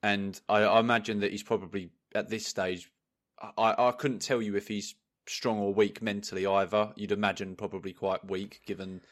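A man's voice: lowish voice, flat delivery, normal speed. A man with an English accent chatting casually as a football podcast co-host, blunt and slangy.

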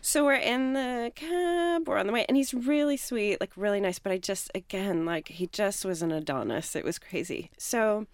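A woman's voice: mid-range voice, normal speed, hardly any pauses, no room sound. Young woman, chatty podcast storyteller, acts out the lines, dry close sound. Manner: animated storyteller, acts out quoted lines, laughs often. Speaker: podcast co-host telling a story. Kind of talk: casual chat.

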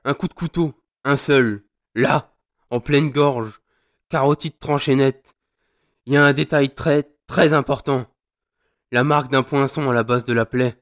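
A man's voice: medium pitch, fairly even intonation, unhurried, lightly acted. An actor playing a grieving, vengeful sergeant who snarls, taunts and swears at his captive. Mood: menacing. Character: grieving vengeful male sergeant, furious, crude. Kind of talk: audio drama acting.

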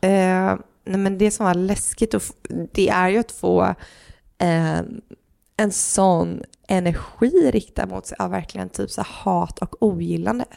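A woman's voice: medium pitch, vocal fry. A woman co-hosting a podcast, telling a personal story in casual chat, full of fillers and acted-out quotes of what others said. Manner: animated, acts out others' lines in quotes; heavy use of fillers like "liksom" and "du vet". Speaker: podcast co-host.

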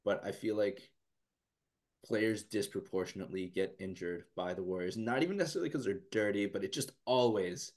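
Deep-voiced man, voice going hoarse. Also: a little mellow. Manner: halting, many restarts and fillers. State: losing his voice. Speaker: podcast co-host. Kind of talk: casual sports talk.

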